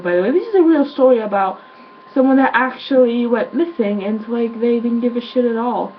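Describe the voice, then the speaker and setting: A woman's voice: fairly high pitch, dull audio, slight background noise. A woman reviewing a film in a casual vlog, blunt and exasperated, swearing as she rants.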